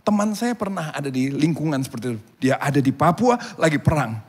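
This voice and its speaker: A male pastor with a slightly high, husky voice preaching a sermon. He tells the story with animated energy, acting out the voices of the people in it. His voice rings through a reverberant church hall. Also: brisk. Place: church auditorium.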